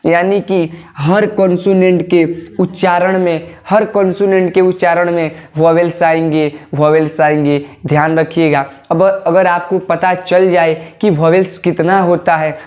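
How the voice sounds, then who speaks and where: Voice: medium pitch, fairly even intonation, unhurried, a little mellow. An English teacher giving an online lesson, who keeps asking questions, answers them, repeats key points and calls the viewers "babu". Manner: drills pronunciation aloud.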